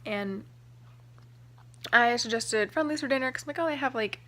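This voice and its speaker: A young woman vlogger telling a personal story to camera in a chatty, excited way, full of "like" and "um". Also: a little high, moderate pace. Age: young adult. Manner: chatty, excited, heavy use of "like" and "um".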